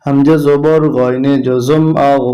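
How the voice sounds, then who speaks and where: A man's voice: mid-range voice, level tone, slow, warm tone. A man teaching Quran reading, spelling each letter and vowel mark aloud, then blending and chanting the verse. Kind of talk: slow spelled-out recitation lesson.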